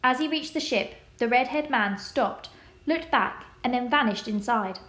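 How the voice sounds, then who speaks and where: Woman reading a storybook aloud, echoey. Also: on the high side. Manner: measured, expressive storytelling. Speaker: storybook reader. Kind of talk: reading a children's novel aloud.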